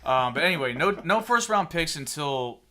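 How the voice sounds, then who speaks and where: A man's voice: on the high side, lively intonation, normal speed, bright, forceful tone. A man in his thirties hosting a casual sports podcast, opinionated and sarcastic as he rants. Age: 30s. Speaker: podcast host.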